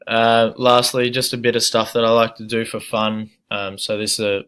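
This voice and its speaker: A young Australian man introduces himself in a relaxed, casual way, pausing often on fillers. His voice sits low and stays fairly flat in tone. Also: slight background noise. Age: young adult. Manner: relaxed, hesitant with many fillers. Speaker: student.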